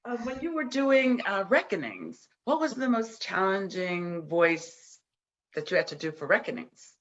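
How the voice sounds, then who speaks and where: A woman's voice: mid-range voice, sing-song, measured pace. A woman host and author interviewing a guest, effusive and enthusiastic. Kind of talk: interview conversation. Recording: dull lo-fi audio.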